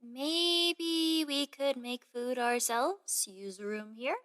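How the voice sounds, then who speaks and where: In a fantasy audio drama, an actress voices a gossip-loving young palace woman, her high voice expressive and her delivery theatrical. The character is chatty and excitable but sounds annoyed here, and she takes her lines slowly.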